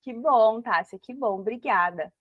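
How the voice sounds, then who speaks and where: A woman's voice: a little high, measured pace, no room sound, muffled recording. A woman mentor teaching a live online class, encouraging and asking her listeners reflective questions.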